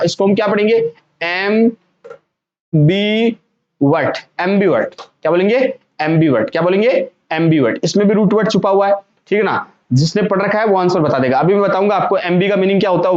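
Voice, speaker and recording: A man's voice: high-pitched, a little mellow. A man teaching a vocabulary lesson, sounding words out syllable by syllable and asking the class to repeat them. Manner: drills pronunciation, repeating words and asking questions. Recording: dull lo-fi sound.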